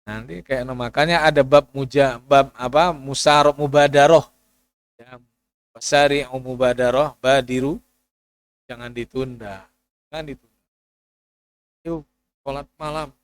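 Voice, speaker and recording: A male Islamic preacher with a voice, giving an animated sermon lecture and acting out pleading prayers. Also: mid-range voice, a little slow, clean tone, no room sound. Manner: animated, acts out pleading prayers and mixes in Javanese phrases.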